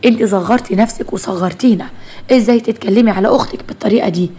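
Woman doing a scolding uncle, Egyptian accent, fast, husky. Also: mid-range voice, warm tone. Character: stern older uncle scolding his niece.

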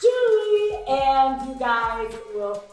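A woman hosting a casual chat, playful and quick to laugh. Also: sits high, sing-song. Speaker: host. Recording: echoey room with faint music.

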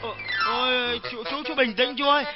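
An actor playing a flustered, apologetic young boyfriend in a stage comedy. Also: male voice, very high voice, fairly even intonation, fairly quick, muffled recording, over music.

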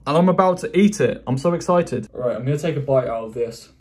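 A young man vlogging in his bedroom as he tries candy, excitable and joking, cursing and exclaiming as he goes. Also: medium pitch, fast, roomy sound. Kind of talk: casual candy-tasting vlog.

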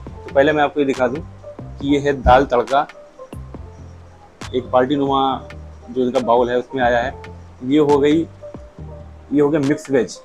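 A food vlogger in his thirties, speaking with a Lucknow Hindustani accent, sits at a restaurant table and chats casually to the camera, describing each dish as he eats it. His mid-range voice comes through a lapel mic in a low-quality recording.

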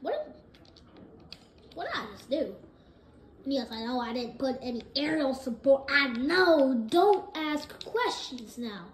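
A woman giving excitable live gameplay commentary, jumping between hyped shouts and low mumbles. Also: slow pace, pauses often. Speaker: gaming video creator. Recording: roomy echo with faint noise.

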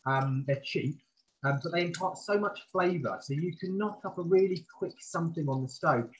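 Standing some distance from the camera in a professional kitchen, a male chef teaches a live cooking session by video call, laying out steps plainly and informally. His fairly high voice moves at a normal pace. The recording is rough, with slight hiss or hum.

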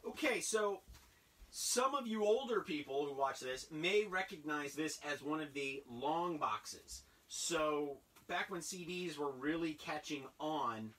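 A man in his thirties chatting casually and rambling with excitement as he unboxes old toys in a cluttered basement room. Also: on the high side, slow pace, distant mic. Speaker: toy collector vlogger. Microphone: camera a few feet away.

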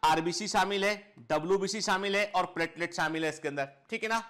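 Man, high pitch, teacher lecturing, explanatory, repeats key points, frequent check-in questions, lapel mic. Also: brisk, a bit bright. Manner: explanatory, addresses students fondly as children; checks understanding with frequent short tag questions. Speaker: biology teacher for medical entrance students. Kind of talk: recorded lecture for students. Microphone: clip-on lapel mic.

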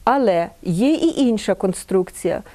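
A woman explaining a grammar point in a thoughtful manner, pausing with hesitations. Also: mid-range voice, animated, dark tone, dry recording. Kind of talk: explanatory talk.

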